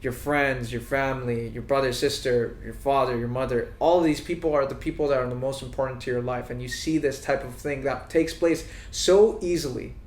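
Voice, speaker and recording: A podcast guest from Pakistan speaks in an agreeable, casual way. His voice sits at a middle pitch. A roomy echo hangs around everything he says. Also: normal speed, hardly any pauses. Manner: agreeable, backs the host up with steady affirmations. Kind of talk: casual conversation.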